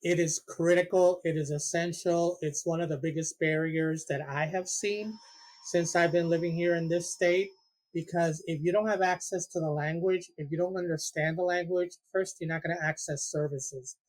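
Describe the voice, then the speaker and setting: A man from Puerto Rico speaks in an earnest, measured way as a guest, describing the support group he runs. His voice sits a little high. His pitch barely moves. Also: steady tone. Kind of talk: interview answers.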